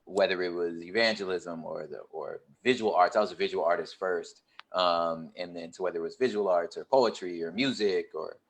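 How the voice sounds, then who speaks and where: A man with a fairly low voice talks through a casual online panel. He is relaxed and unhurried, using lots of fillers as he explains his work as a poet and podcaster. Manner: relaxed and conversational, with many fillers and a laugh. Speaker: poet and hip hop artist, podcast host.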